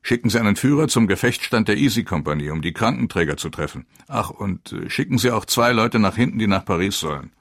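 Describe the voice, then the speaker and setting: A man with a deep, gravelly voice voicing a brisk army captain who gives curt, matter-of-fact orders. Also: animated, dry recording, clean studio sound. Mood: businesslike.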